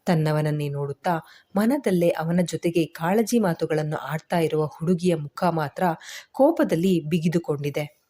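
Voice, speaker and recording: A woman narrating a serialized family drama in a steady, expressive reading style. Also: low-pitched, normal speed. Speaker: storyteller. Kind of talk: scripted story narration.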